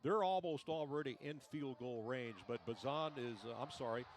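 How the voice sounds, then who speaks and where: A man's voice: mid-range voice, moderate pace. Male football play-by-play announcer. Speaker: play-by-play announcer and broadcast host. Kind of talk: live football commentary. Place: stadium broadcast booth. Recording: faint outdoor stadium noise behind.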